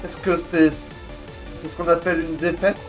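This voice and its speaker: A man's voice: a little high, level tone, moderate pace, faint music behind, lightly acted. A man doing a haughty queen, grandly theatrical. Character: haughty, vain woman queen who scorns commoners.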